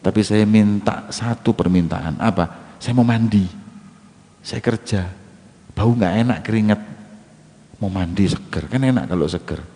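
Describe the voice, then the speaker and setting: A man's voice: fairly low pitch, a little slow, long pauses, dark tone, big-room sound. A male preacher voicing a frightened, pious young workman who mutters anxious prayers. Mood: bargaining.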